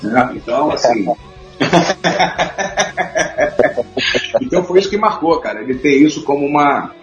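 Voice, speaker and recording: A man talking casually on a radio show, telling lively stories with frequent laughs. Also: on the high side, unhurried. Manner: animated storyteller, laughs often. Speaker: guest. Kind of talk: casual chat. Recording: muffled roomy sound with faint music.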